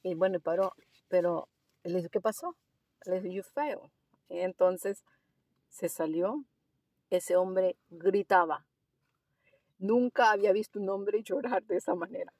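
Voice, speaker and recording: A woman recounts a story from her work as a driving instructor in a relaxed interview. She talks with lively animation and slides English phrases into her Spanish. The sound is close and dry. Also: medium pitch, measured pace, long pauses, husky, no room sound.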